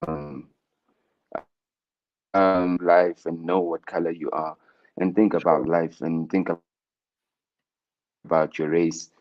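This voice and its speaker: A man's voice: sits low, fairly even intonation, slow, long pauses. A South African man talking in a casual conversation, reflective, with many fillers and restarts. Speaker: interview guest, rapper. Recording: dull lo-fi sound.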